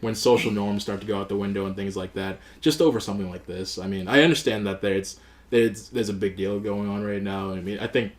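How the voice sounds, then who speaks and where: An American man with a fairly low voice talks as a podcast co-host. He is conversational and informal, often agreeing and putting questions to the others. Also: steady tone, fairly quick. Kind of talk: casual group discussion.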